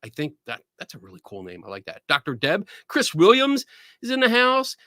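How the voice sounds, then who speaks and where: An excitable man with a Philadelphia accent chats casually as host of a live show. His voice sits on the high side and swings widely in pitch. It has a bright, forceful ring. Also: fairly quick, dry recording, studio quality. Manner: excitable, laughs often, cheers. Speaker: podcast host. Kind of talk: casual livestream chat.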